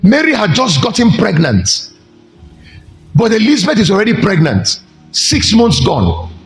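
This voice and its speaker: A man preaching a sermon as pastor, with animated delivery, sudden jumps in pitch and slow emphatic stretches. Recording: echoey hall with faint music.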